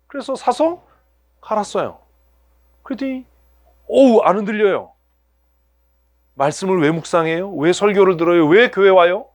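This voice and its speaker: A male pastor preaching a sermon to his church, asking the congregation rhetorical questions and acting out everyday scenes in other voices. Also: high-pitched. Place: church sanctuary.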